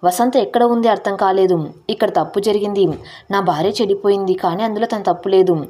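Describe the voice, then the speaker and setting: A woman's voice: medium pitch, steady tone, fairly quick, mellow. Woman narrating a dramatic story.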